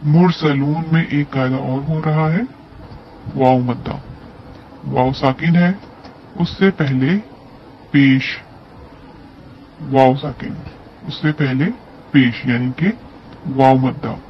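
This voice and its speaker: Slow, patient man teaching recitation. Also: medium pitch, steady tone, highs cut off, a little hiss or hum. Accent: Urdu. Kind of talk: tajweed lesson with slow recited examples.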